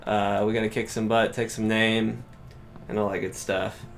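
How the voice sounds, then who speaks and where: A man chatting casually while playing a video game, rambling and excitable, with frequent restarts. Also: on the low side, moderate pace, creaky, a little hiss or hum. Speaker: let's play co-host. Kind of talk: casual gameplay chat.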